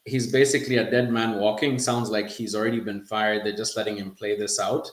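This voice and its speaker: A man's voice: fairly low pitch, level tone, brisk, roomy sound. A man hosting a casual football podcast, chatting loosely and laughing now and then. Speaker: podcast host.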